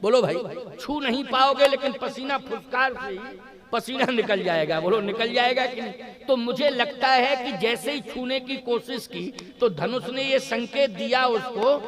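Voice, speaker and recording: A man preaching a devotional sermon, telling a scripture story and acting out quarreling kings with humor. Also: very high voice. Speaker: religious preacher. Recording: live event with audience laughter. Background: live audience laughing.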